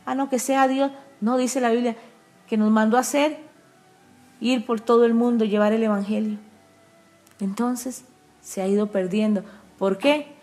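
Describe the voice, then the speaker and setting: A woman's voice: fairly high pitch, fairly even intonation, a little slow, pauses often, a little mellow, faint music behind. A woman preacher from Costa Rica with a Costa Rican accent, giving an earnest, emphatic testimony in an interview. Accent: Costa Rican Spanish.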